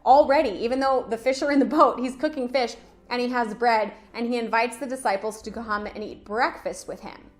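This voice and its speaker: A woman teaching a children's Bible lesson with enthusiastic, expressive storytelling. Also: fairly high pitch, brisk.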